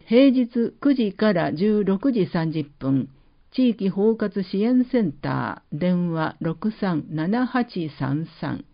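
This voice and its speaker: A woman announcer reading public-service notices, with slow, measured, carefully enunciated list reading. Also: medium pitch, animated, creaky. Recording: dull lo-fi recording.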